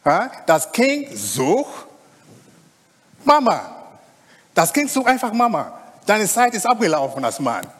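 High, lively preacher in a hall. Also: male voice, measured pace, slightly rough. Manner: conversational preaching, frequent "ja?" tag questions. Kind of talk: sermon.

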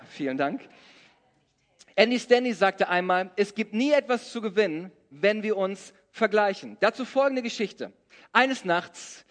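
A middle-aged man from Germany preaching a sermon, mixing scripture with humorous stories about his own life. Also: high-pitched. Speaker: pastor. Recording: long reverb of a large hall.

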